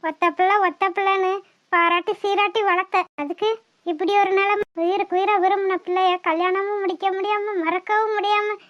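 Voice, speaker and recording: A woman voicing a high-voiced lamenting village granny. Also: level tone, fairly quick, muffled recording. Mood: grieving. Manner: lamenting, pleading. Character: elderly village grandmother, grieving and anxious.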